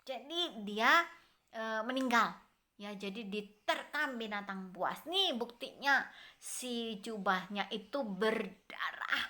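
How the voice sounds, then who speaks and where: A woman voicing jealous older brothers quietly plotting a cover-up in a hushed, conspiratorial tone. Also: a little high, animated, slow, full character voice.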